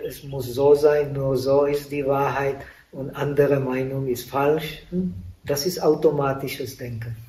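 A man, a Buddhist monk, giving a dharma talk at a meditation retreat in non-native German, halting with many pauses and fillers. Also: mid-range voice, mellow. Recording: echoey room, voice from a distant mic.

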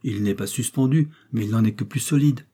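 A man's voice: mid-range voice, a little fast, warm tone, breathy edge, natural voice. A man voicing an old male servant in a storybook reading, blunt and plain-spoken. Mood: earnest.

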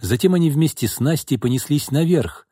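A man narrating an audiobook in a scripted, expressive, dramatic reading. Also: fairly high pitch, fairly quick, slightly rough, dry recording, clean studio sound.

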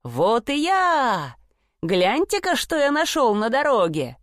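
A woman's voice: fairly high pitch, lively intonation, measured pace, no room sound, clean studio sound. A woman doing a whooping, cheerful peasant lad. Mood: rowdy glee. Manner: boisterous, whooping, boastful. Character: cheerful simple-minded young peasant lad.

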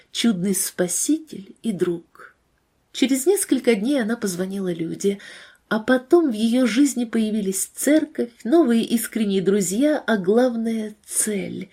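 Soft-voiced woman reading a story. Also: a little high, slightly rough. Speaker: narrator.

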